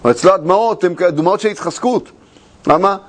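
High-voiced man teaching a story. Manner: animated, rhetorical questions, repeats phrases. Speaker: Torah teacher. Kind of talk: expository lecture retelling a tale.

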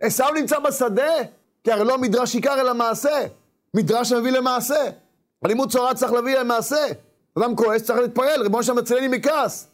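The rabbi's sermon is lively and delivered in a high voice. He dramatizes what the people he describes are thinking to themselves, sometimes crying out aloud.

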